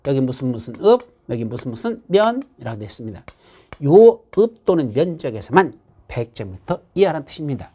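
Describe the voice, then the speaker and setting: A male lecturer from South Korea teaches exam prep in a pitch that rises and falls freely. He asks the class a question and answers it himself. He hammers key terms through repetition. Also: sing-song, a little fast, dark tone, slight background noise. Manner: repeats key terms with emphatic insistence. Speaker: real estate law lecturer.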